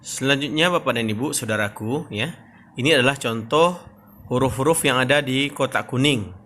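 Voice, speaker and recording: A man teaching Quran reading, patiently explaining and drawing out example words very slowly. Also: mid-range voice, pushed and bright, slight background noise. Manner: patient, repeats "Bapak dan Ibu, ya" often.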